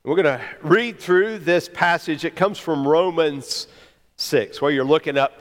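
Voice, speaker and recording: A middle-aged man preaching a sermon, conversational and animated, full of rhetorical questions. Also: fairly high pitch, a little slow, in a large hall. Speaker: pastor.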